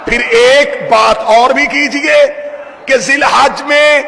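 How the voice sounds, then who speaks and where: A man preaching a fiery sermon, shouting with passion. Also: fairly even intonation, vocal fry, in a large hall. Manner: shouting, high-pitched, impassioned.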